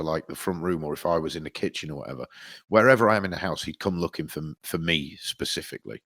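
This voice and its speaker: A man in his thirties, co-hosting a podcast in casual chat, telling sweary, animated stories. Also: sits low. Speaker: podcast co-host.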